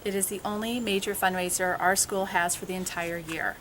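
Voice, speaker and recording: Woman event co-chair, mid pitch, friendly read, faint noise. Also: steady tone, brisk, fairly bright tone. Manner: friendly, reads from a script. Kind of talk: scripted announcement.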